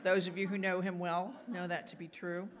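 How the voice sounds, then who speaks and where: A woman pastor reading scripture and preaching a sermon, deliberate with gentle humor. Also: lowish voice, level tone, a crowd in the background.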